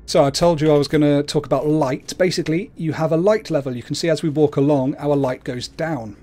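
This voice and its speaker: A man's voice: fairly high pitch, fairly even intonation, brisk, dark tone. A man hosting a livestream, casually explaining the video game he plays. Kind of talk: casual explanatory gameplay commentary. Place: indoors at a computer, webcam.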